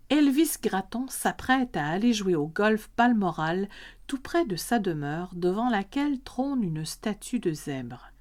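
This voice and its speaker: Woman, storyteller, scripted narration, medium pitch. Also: a little mellow.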